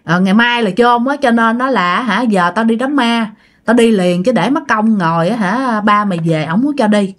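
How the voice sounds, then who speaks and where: A woman's voice: on the high side, moderate pace, natural voice. A woman voicing a blunt, plain-spoken older grandmother. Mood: matter-of-fact.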